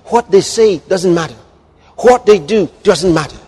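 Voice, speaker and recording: A male pastor preaching a sermon, moving from hushed, drawn-out lines to loud exclamations. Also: high-pitched, husky. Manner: dramatic, swings from hushed to exclaiming. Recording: long hall reverb.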